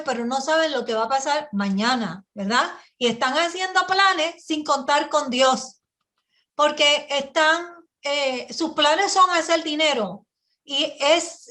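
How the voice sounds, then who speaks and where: Mujer predicadora de voz aguda y brillante. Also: female voice, high-pitched, pushed and bright. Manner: teaching with frequent rhetorical "¿verdad?" and restarts. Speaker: Bible teacher. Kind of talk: Bible study sermon.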